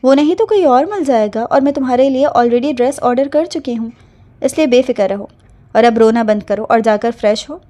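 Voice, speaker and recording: A woman's voice: a little high, warm tone, natural voice. A woman voicing a caring elder-sister figure. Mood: soothing. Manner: soothing, earnest.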